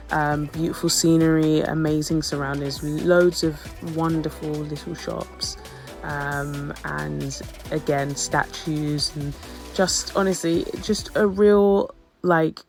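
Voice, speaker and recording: A woman narrating her travel vlog as a voice-over, telling her story in a chatty, humorous way with playful asides. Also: deep voice. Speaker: travel vlogger.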